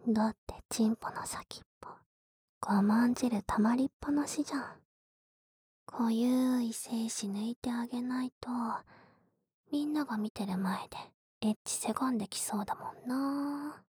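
A woman in a whispered role-play of intimate pillow talk, very breathy and soft, teasing and coaxing with touches of baby talk. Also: on the high side, moderate pace, no echo, clean studio sound.

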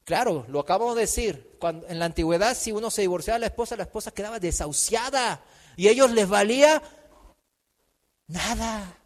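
Male pastor preaching in a church hall, alternating emphatic and quiet delivery. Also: high-pitched, fast talker, few pauses. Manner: preaching, swings from loud emphatic lines to hushed ones. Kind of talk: sermon.

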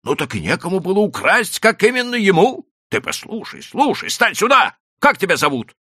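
A man voicing a desperate, hot-tempered male landowner who pleads and exclaims loudly in an audiobook. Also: high voice, big pitch swings, normal speed, no echo, studio quality, voice pushed up, heavily acted. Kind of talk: audiobook character voice.

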